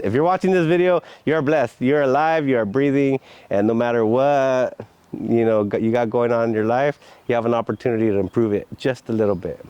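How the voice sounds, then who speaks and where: A man's voice: fairly low pitch, warm tone, low-quality recording. A man giving earnest, encouraging talk in a motivational vlog. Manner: earnest and encouraging, with frequent laughs. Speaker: vlogger.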